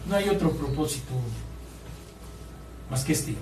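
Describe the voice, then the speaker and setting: Man, pastor, sermon, rhetorical questions, high voice, distant mic, roomy echo, faint background noise. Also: measured pace. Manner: preaching with rhetorical questions to the congregation; mimics complainers in a whiny voice. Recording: echoey room, distant mic, faint ambience.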